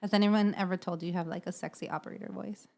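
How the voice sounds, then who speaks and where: A woman's voice: fairly low pitch, steady tone, quick pace, gravelly, a little mellow. A woman co-hosting a podcast in casual chat, explaining earnestly at length and often checking in with "right?". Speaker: podcast co-host.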